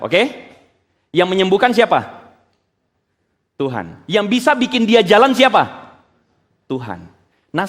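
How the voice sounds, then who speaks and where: Man, pastor, animated sermon, high voice, long hall reverb. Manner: animated, acts out quotes in voices; addresses listeners directly, asks questions. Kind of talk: preaching to a congregation.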